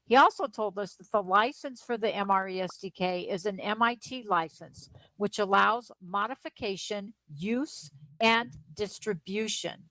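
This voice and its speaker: A woman co-hosting a live-stream news show, reading tech news in an excited, upbeat way. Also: mid-range voice, moderate pace, hardly any pauses, dry recording, poor audio. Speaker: co-host.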